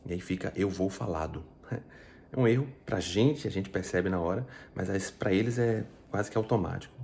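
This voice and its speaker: A man's voice: deep voice, moderate pace, creaky, a little mellow, slight background noise. A Brazilian man with a Brazilian Portuguese accent, explaining French pronunciation in a casual video lesson, checking in often with tag questions. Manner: chatty, explains step by step, frequent tag questions. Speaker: French teacher.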